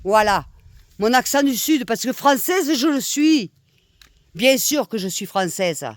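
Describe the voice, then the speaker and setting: A middle-aged woman from Nîmes speaks with a strong southern French accent. She rants in a heated, repetitive way, swearing and breaking into loud outbursts. The sound is dry, with no room echo. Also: a little high, animated, measured pace. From Nîmes, southern France. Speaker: expatriate venting online. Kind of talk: angry political rant.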